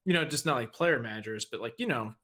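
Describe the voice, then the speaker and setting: A man's voice: medium pitch, lively intonation, fast talker, pushed and bright. A man co-hosting a gaming podcast in casual chat, rambling with lots of "like" and "you know". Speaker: podcast co-host.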